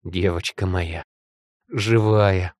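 A man voicing a wounded father in a storybook reading, gruff yet tender. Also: lowish voice, animated, normal speed, dry recording, studio quality, lightly acted. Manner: soft, gruff.

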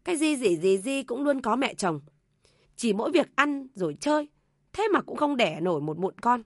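A woman's voice: a little high, sing-song, moderate pace, no echo, studio quality, pitched above the performer's own voice. A woman voicing a furious old mother-in-law who screams and scolds.

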